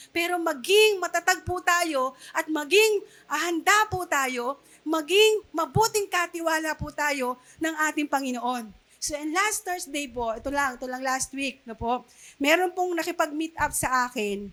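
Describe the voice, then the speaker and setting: A woman's voice: extremely high pitch, fairly bright tone. A woman pastor giving a conversational sermon, often checking in with her listeners as she goes. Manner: conversational preaching with frequent "no?" and "okay?" check-ins.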